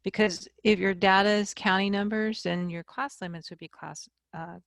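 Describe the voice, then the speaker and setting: A woman math instructor giving a recorded lecture, explaining slowly and checking in with "okay?". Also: mid-range voice, fairly even intonation, creaky, no echo, studio quality.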